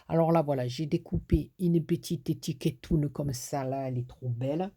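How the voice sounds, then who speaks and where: Low, mellow and husky, this southern French woman's voice moves at a normal speed. She leads a relaxed crafting tutorial, chatting away to herself and poking fun at herself while she works.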